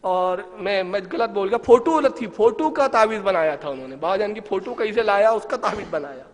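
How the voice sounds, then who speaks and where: A man preacher narrating a saint's miracles in an emphatic sermon, building to loud fervent peaks. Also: sits high, lively intonation. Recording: long hall reverb.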